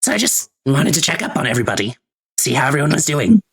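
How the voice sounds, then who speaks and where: A man playing a weary, reflective, gently concerned adventurer in a tabletop game, husky and gravelly, speaking haltingly. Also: mid-range voice, very animated, no room sound, clean studio sound, exaggerated voice. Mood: gentle, reassuring.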